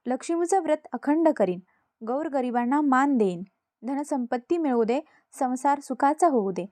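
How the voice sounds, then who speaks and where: A woman's voice: high voice, expressive, moderate pace, a little mellow, no echo. A woman doing a humble pleading maidservant.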